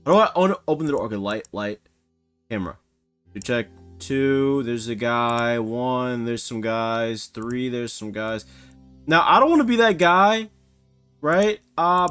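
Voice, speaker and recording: A man giving casual, rambling let's-play commentary, self-mocking and prone to startled yelps. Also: a little high. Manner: excitable, yelps and shouts when startled. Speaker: gaming YouTuber.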